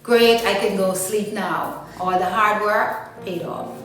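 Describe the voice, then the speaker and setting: A woman's voice: mid-range voice, steady tone, takes it slowly, fairly bright tone. A woman from Guyana, answering interview questions about her dance ministry in a chatty way, with many "you know" fillers. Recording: echoey room, mic at a distance, music underneath.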